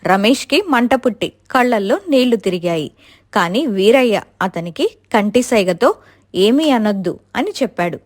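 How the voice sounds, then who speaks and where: A woman telling a family story in steady, expressive scripted narration. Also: medium pitch, normal speed.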